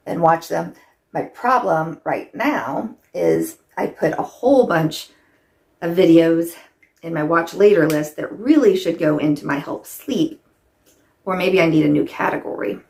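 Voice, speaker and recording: A woman's voice: mid-range voice, creaky, a little mellow. A middle-aged woman chatting casually to camera while doing her makeup, rambling and filling her talk with "like". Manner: rambling, chatty, many "like" fillers. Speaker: vlogger.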